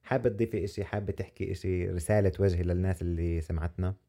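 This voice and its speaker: Very deep-voiced woman host. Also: steady tone, very fast. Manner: brief prompts, gentle follow-up questions. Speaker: interview host. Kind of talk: conversational interview.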